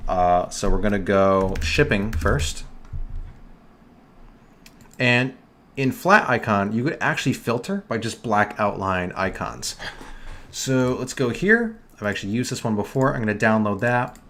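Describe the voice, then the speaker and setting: A man's voice: lowish voice, animated, unhurried, fairly bright tone. A young man with a New York accent hosting a casual live screen-share tutorial, chatting to viewers and correcting himself as he works. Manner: chatty, self-correcting, talks to chat while working. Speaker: livestream host teaching online store building.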